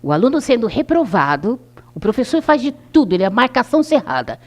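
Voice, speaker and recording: A woman's voice: on the high side, big pitch swings, brisk, darkish tone. An older Brazilian woman giving an informal talk to a group at a spiritist center, telling anecdotes and acting out the dialogue. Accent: Brazilian Portuguese. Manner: anecdotal, acts out quoted dialogue.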